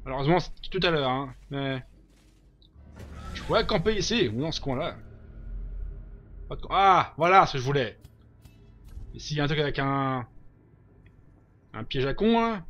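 A man hosting a let's play, giving casual gameplay commentary, reacting loudly, joking and swearing at the game. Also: fairly high pitch, lively intonation, moderate pace, long pauses, dull audio, soft background music.

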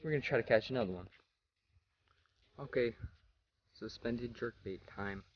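Beside a small creek, a teenage boy vlogs his fishing trip on a phone held at arm's length, rambling in a relaxed way and often admitting "I don't know." He has a mid-range voice at a moderate pace, and the lo-fi sound carries a little hiss or hum.

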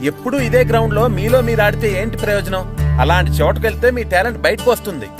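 An actor playing an encouraging village schoolteacher who talks earnestly and persuasively. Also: male voice, sits high, rapid-fire, lightly acted. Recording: music loud behind.

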